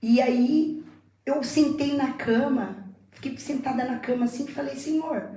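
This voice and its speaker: A woman's voice: sits high, fairly even intonation, unhurried, warm tone, a little hiss or hum. Woman telling a testimony in an echoey room. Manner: emotional faith testimony, repeats herself. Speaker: guest. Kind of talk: casual chat, testimony.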